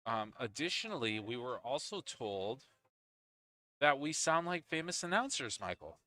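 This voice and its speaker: A man giving live play-by-play at an amateur pool final, his voice bright and forward with a lot of lift and fall in the pitch. He chats easily with his partner between shots. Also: sing-song, normal speed, no room sound. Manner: chatty, talks to co-commentator between shots. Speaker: pool match commentator. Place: indoors at a pool league venue.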